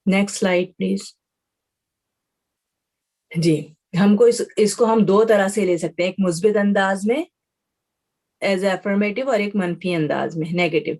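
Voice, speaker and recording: A woman's voice: mid-range voice, pauses often, a little mellow. A woman teacher, giving an online class lecture, explaining patiently step by step with examples, mixing in English words. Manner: mixes English words into her speech.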